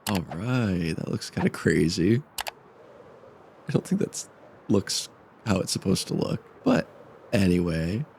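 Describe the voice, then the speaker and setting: Deep, congested man with a stuffy nose. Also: very animated, unhurried, vocal fry, long pauses, a little mellow, slight background noise. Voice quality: stuffy nasal sound. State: congested blocked nose from a cold. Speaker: gaming video host. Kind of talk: casual gameplay commentary.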